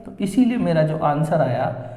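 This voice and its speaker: A man teaching maths at a board, explaining each step slowly and repeating the same phrases as he goes. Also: a little high, big pitch swings, dark tone. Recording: echoey room with long reverb.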